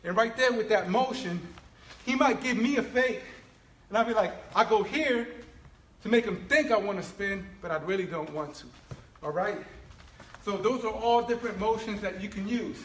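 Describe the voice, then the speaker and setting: A man teaching martial arts feints and stances, coaching in an animated way and checking in with "right?" and "all right?" as he demonstrates. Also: high voice, moderate pace, a little hiss or hum. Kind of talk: instructional demonstration. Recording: echoey room with faint ambience.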